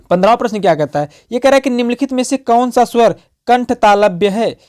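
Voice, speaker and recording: A man's voice: sits high, a little mellow, smooth. A male teacher going through exam prep questions in a lesson. He keeps asking and answering his own questions, repeating key terms as he writes on the slide. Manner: repetitive quizzing, asks and answers own questions.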